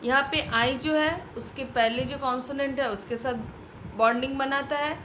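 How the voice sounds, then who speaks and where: A woman teacher with an Indian English accent, slowly sounding out words in a phonics lesson for small children, switching between Hindi and English. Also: sits high, fairly even intonation, noisy background. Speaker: kindergarten teacher.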